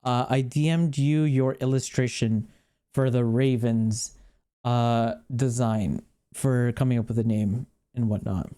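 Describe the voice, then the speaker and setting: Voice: medium pitch, steady tone, unhurried, dark tone, smooth. A streamer in casual livestream chat, rambling, laughing often and swearing freely while talking to viewers. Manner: chats with viewers while reacting on screen.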